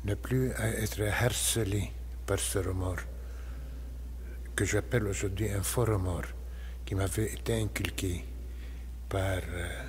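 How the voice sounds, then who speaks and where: A man, giving a slow, measured and reflective personal testimony as a parishioner. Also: low voice, steady tone, slight background noise. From Lebanon.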